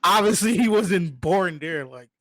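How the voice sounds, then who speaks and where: A man's voice: high voice, measured pace, no room sound. A man born in Guyana, co-hosting a podcast, talking casually with constant "like" fillers. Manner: relaxed, fills every phrase with "like". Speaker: podcast co-host. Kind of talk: casual chat.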